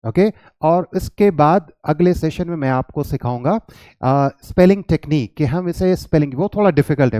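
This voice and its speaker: A man with an Indian English accent gives a pronunciation lesson to children, moving between Hindi and English. His voice sits a little high and sounds dry and close, with no room echo. He slows down and says each long word carefully. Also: mellow. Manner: mixes English and Hindi, addresses viewers as children; says long English words slowly and deliberately. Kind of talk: classroom-style lesson to children.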